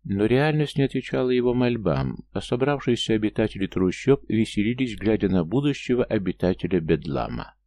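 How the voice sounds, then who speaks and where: Very deep gravelly male narrator. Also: lively intonation, fairly quick, a little mellow, dry recording. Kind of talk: audiobook reading.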